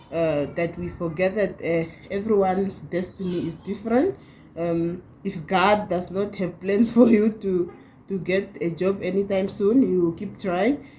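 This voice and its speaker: A thirty-year-old woman vlogs from home, chatting casually to the camera in a halting way, with many restarts and laughs. Her voice is mellow and medium-pitched, with slight background noise.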